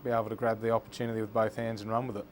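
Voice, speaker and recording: A man's voice: on the low side, flat delivery, rapid-fire, slight background noise. A young Australian man answering interview questions casually, with frequent ums and uhs. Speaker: stand-in race caller interviewed.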